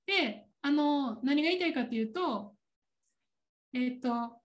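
A woman's voice: high voice, lively intonation, measured pace. A woman with a Kansai Japanese accent chatting casually on a podcast, laughing often as she explains. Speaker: podcast co-host. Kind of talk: casual chat.

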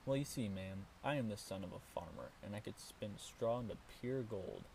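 A man's voice: on the low side, expressive, moderate pace, vocal fry, darkish tone, far from the mic, slight background noise, rough recording. A man playing a bold young farm boy. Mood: confident. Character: bold young farmer's son.

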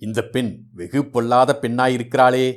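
A man's voice: medium pitch, flat delivery, normal speed, lightly acted. A man reading aloud voices a blunt, nosy older priest who asks prying questions.

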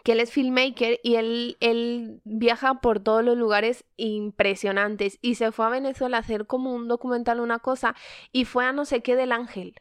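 A woman's voice: a little high, normal speed, clear, resonant tone, dry recording. A woman, chatting casually on a podcast and acting out the dialogue in her stories. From Spain. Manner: animated storyteller, acts out quoted dialogue. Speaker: podcast co-host. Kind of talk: casual chat among friends.

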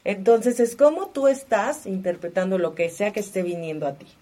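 A woman speaks in a reflective conversation about emotions. She thinks aloud, restarting her phrases often, and her voice sits at a middle pitch. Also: normal speed, warm tone. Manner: thinks aloud, full of fillers.

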